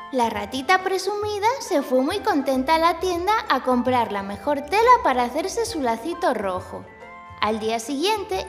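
A woman narrating a children's tale in a gentle, expressive way. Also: high voice. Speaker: children's storyteller. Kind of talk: scripted storybook narration. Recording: long hall reverb, faint music.

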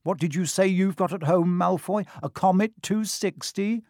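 A man putting on a cheeky young schoolboy, envious and eager to boast, lifted a bit higher than the reader's own voice. The read is dry and close. It has the playful bite of a children's audiobook. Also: moderate pace, warm tone, no room sound. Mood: teasing. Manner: eager, teasing. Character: boastful eleven-year-old boy, envious and cheeky.

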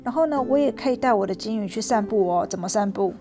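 Brief: woman reading a kids' story, conversational, soft guitar underneath. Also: mid-range voice, fast talker. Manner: warm and chatty, asking the listener questions, mixing in English words. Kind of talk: animated storytelling for children.

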